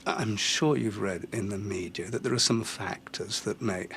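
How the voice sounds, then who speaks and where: A doctor in a TV drama. His voice is low and gravelly. He speaks slowly and carefully, in a gentle, measured way. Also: slight background noise. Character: calm male doctor breaking hard news. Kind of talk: TV soap drama.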